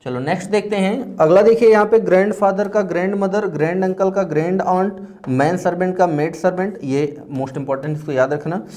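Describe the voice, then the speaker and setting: Male tutor, high-pitched, patient explainer in an exam-prep class. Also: a little fast, mellow. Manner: explains patiently, often checks with "theek hai". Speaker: teacher. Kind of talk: exam-prep grammar lesson.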